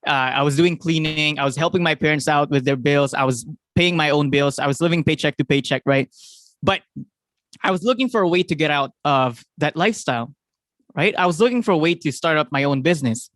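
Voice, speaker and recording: A man's voice: on the high side, fairly quick, a bit bright, no room sound. Earnest young man, dry close sound. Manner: earnest, repeats "right?" to check in with listeners. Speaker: business presenter. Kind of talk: motivational talk.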